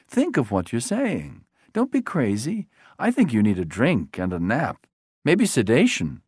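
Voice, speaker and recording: A man's voice: mid-range voice, huge pitch swings, measured pace, darkish tone, husky, no room sound, clean studio sound, exaggerated voice. A male storyteller voicing a distraught grown woman whose pleading rises into tearful anger. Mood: scolding.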